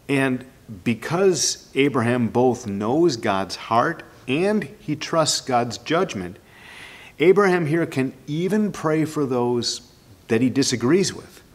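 Earnest male pastor who stumbles and repeats. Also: medium pitch. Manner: earnest, repeats words and restarts often. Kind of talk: sermon.

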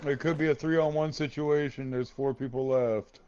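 A man's voice: medium pitch, fairly even intonation, moderate pace, darkish tone, highs cut off, a little hiss or hum. A man talking casually as a gaming teammate, slangy and encouraging.

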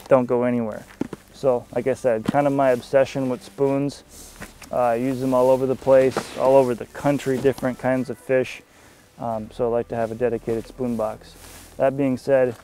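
A young man giving a casual walkthrough of his fishing gear outdoors on a frozen lake, talking in a relaxed, conversational way with frequent fillers. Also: mid-range voice, slight background noise. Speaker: fishing staff presenter.

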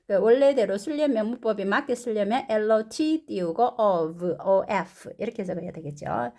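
A woman's voice: mid-range voice, moderate pace, warm tone. A woman English teacher reading a picture book aloud and patiently explaining words and pronunciation.

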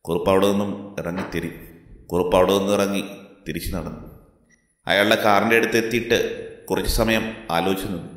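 A man's voice: low-pitched, fairly even intonation, quick pace, pauses often, fairly bright tone. A man steadily narrating a crime thriller story, in an echoey room. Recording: echoey room with long reverb.

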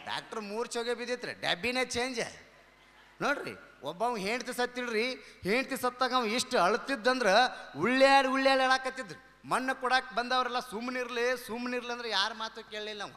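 A man's voice: extremely high pitch, brisk, pushed and bright, in a large hall. A man doing stand-up comedy storytelling on stage with a North Karnataka accent, telling folksy tales and slipping into character voices. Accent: North Karnataka Kannada. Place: comedy stage before an audience.

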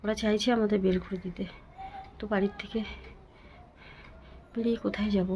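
Weary soft-spoken woman, sore throat. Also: medium pitch, fairly even intonation, a little fast, dull audio, a little hiss or hum. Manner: weary, pleading, speaks softly. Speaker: vlogger. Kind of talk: casual vlog talk to viewers. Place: at home.

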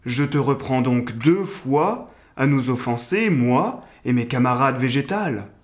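A great old oak tree with a big, gruff voice, speaking slowly and sternly like a patient teacher, as a man reading the tale puts it on. Storybook reading. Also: medium pitch, expressive, close to an everyday voice. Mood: stern, wise.

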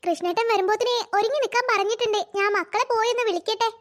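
A woman's voice: very high voice, fast talker. A woman voicing a busy, scolding mother of three in a cartoon. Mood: chatty. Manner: scolding, bustling. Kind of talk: cartoon voice acting.

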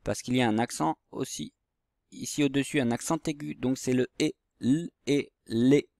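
A man gives a handwriting lesson to young children in an unhurried, patient way, walking them through each stroke. His voice sits in a middle register and the recording is close and dry, with no room sound. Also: medium pitch, creaky, darkish tone, dry recording. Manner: slow, patient, step-by-step instruction. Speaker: primary school teacher.

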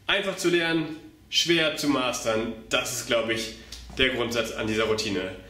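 A young adult instructor of circus pantomime speaks at normal speed in a bright, forceful, medium-pitched voice while actively demonstrating each step. He is recorded from across a bare, hard-walled indoor room by a camera mic, so the sound is far away and very echoey.

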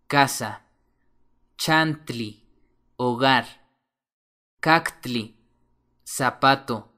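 A man's voice: mid-range voice, fairly bright tone. A man teaching a language lesson, carefully pronouncing words and giving their meanings one by one. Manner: slow, careful enunciation of vocabulary. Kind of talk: slow, deliberate language lesson.

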